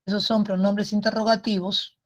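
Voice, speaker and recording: A woman's voice: medium pitch, little pitch movement, moderate pace. A woman teacher leads an online grammar class in a mid-range voice. She is patient and methodical, repeating key points and ending them with short checking questions. The sound is that of a class call.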